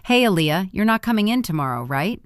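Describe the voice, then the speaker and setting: A woman's voice: mid-range voice, sing-song, fairly quick, no echo, studio quality, pitched above the performer's own voice, close to an everyday voice. A woman doing a friendly teasing male coworker.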